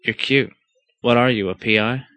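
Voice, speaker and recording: Man putting on a flirty sleepy dame from a storybook, soft and forward, pitched up a little. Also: fairly even intonation, moderate pace, no room sound, close to an everyday voice.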